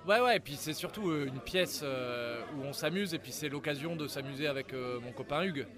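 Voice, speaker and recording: Relaxed young male improv actor. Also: a little high, a little fast, crowd noise. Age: young adult. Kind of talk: casual interview.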